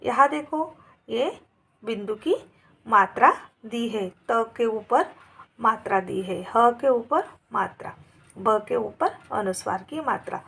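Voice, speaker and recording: A woman's voice: on the high side, lively intonation, takes it slowly, vocal fry, a bit bright, slightly rough. A woman teaching a grammar lesson, going through examples word by word in a patient, dictating manner.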